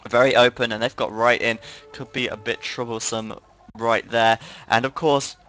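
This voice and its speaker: A man's voice: mid-range voice, steady tone, normal speed, a bit bright, low-quality recording. A tired man giving live play-by-play commentary on a strategy game, with frequent fillers. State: tired, yawning.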